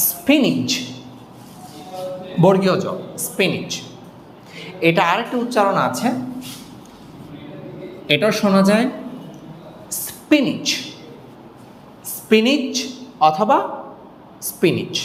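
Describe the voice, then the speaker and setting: Lively, animated male language teacher. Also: on the high side, echoey room, big-room sound, slight background noise. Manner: lively, joking, repeats words slowly to model sounds. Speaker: English pronunciation teacher. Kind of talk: casual spoken lesson.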